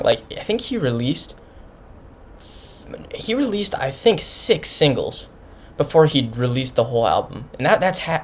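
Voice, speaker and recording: A man in the middle of his pitch range talks through an album review in a loose, casual way. He rambles and often restarts his sentences. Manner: rambling, informal, many restarts. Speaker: music reviewer.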